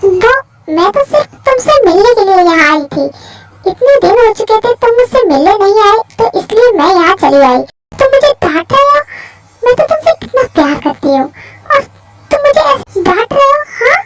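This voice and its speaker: A woman voicing a whiny, clingy, scheming young woman who pleads in a high voice. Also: very animated, moderate pace. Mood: pleading. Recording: faint music behind.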